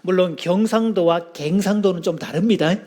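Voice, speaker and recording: A man's voice: high voice, normal speed, warm tone. A male pastor giving a sermon, asking the congregation questions and leading them in call-and-response.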